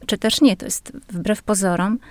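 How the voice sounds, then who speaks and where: A female linguist appears as a guest on a radio interview, explaining language rules patiently and in a measured way. Her voice is medium-pitched, with no room sound.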